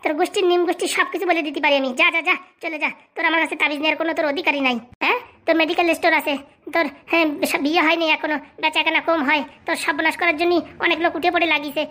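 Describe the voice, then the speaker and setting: Cartoon swindler guru, male, bossy and scolding, very high and rapid, as a woman plays him. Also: fairly even intonation, pushed and bright. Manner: bossy, fast-talking, scolding. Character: scheming young male con man posing as holy fortune-teller. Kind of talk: comic cartoon voice acting.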